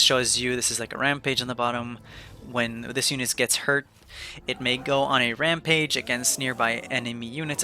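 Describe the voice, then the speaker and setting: A man's voice: medium pitch, bright, forceful tone. A man narrating a beginner's video game tutorial in a casual, rambling, upbeat way, with many fillers and restarts. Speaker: gaming video creator.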